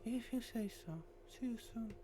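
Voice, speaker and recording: Over music, a woman gives an acted reading of visual novel dialogue, voicing a blunt, weary female squad leader. Her fairly high voice has fairly even intonation at normal speed and stays close to an everyday voice.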